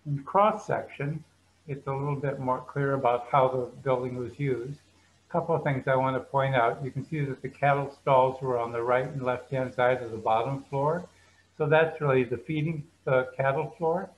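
A man's voice: medium pitch, slight background noise, rough recording. Man narrating a museum slideshow tour. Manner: relaxed, explanatory, frequent ums.

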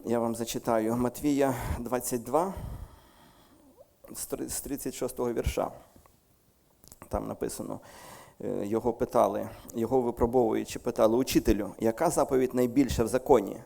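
A man's voice: medium pitch, steady tone, moderate pace, creaky, warm tone. A man with a Ukrainian accent preaching a sermon to his congregation in a church hall, talking conversationally, correcting himself and joking lightly. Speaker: pastor.

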